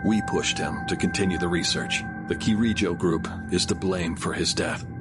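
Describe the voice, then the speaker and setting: A man's voice: sits low, steady tone, normal speed, music in the background, lightly acted. A man playing a grave, middle-aged father and corporate head in a video game drama, speaking formally and solemnly with regret. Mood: grave, insistent. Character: grave remorseful wealthy father heading a corporate group.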